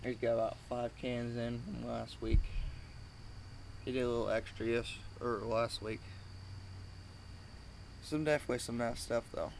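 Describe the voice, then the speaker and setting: A young man giving a casual, rambling review in a halting, informal way, talking with chewing tobacco packed in his lip. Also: medium pitch, steady tone, creaky, slight background noise, low-quality recording. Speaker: amateur product reviewer.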